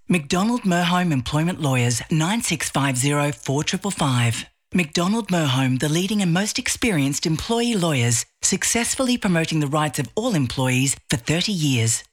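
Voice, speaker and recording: A man's voice: on the high side, animated, moderate pace. A man reading a formal scripted advert as a voice-over.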